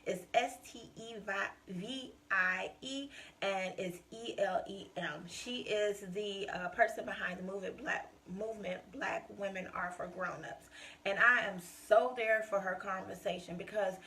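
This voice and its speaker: Hosting her own podcast, a woman addresses listeners directly in a casual solo monologue, emphatic and passionate. Her voice is medium-pitched with a sharp tone, and she speaks unhurriedly.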